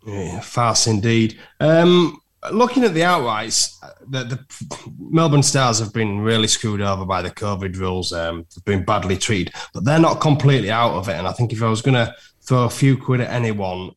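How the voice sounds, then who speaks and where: A man's voice: fairly low pitch, normal speed. A man giving casual sports analysis as a betting pundit on a panel.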